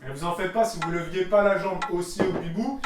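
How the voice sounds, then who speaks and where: A woman's voice: fairly low pitch, a little fast, distant mic. Woman egging on a workout, off-mic. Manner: egging on with short repeated urgings, playful. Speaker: workout partner and motivator. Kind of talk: casual banter and shouted encouragement during exercise. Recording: echoey noisy room, away from mic.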